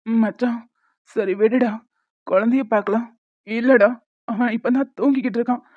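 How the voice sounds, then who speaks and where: A woman's voice: fairly high pitch, steady tone, moderate pace, dry recording, close to an everyday voice. A woman voicing a distraught young father in a cartoon, speaking wearily and helplessly. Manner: weary, helpless consoling. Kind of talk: cartoon voice acting. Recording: tinny phone-like sound.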